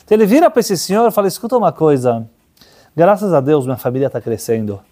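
Man, religious teacher, lively storytelling sermon, husky and mellow tone, acts out the characters. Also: a little high, quick pace. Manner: animated storyteller, voices characters in dialogue.

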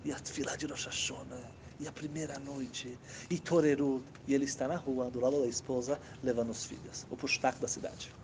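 A man giving a storytelling sermon, animated, acting out the people in his stories. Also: medium pitch, fairly quick, slight background noise. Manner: animated, acts out characters' voices. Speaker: rabbi telling stories.

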